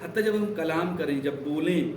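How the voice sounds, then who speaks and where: A man's voice: on the high side, a little mellow, a little hiss or hum. A man giving a religious lesson, explaining with emphatic repetition and telling stories. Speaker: religious teacher. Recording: roomy echo, distant mic.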